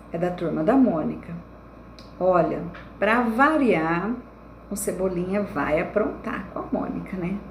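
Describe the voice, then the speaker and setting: A young woman teacher giving a recorded online lesson to children, explaining slowly and checking in with frequent tag questions. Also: mid-range voice, a little mellow. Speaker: primary school teacher. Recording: echoey room with faint background noise.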